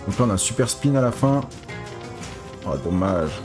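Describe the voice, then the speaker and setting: A man giving excitable, casual live commentary as a casino streamer, pleading with the reels and swearing. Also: lowish voice, moderate pace, music in the background.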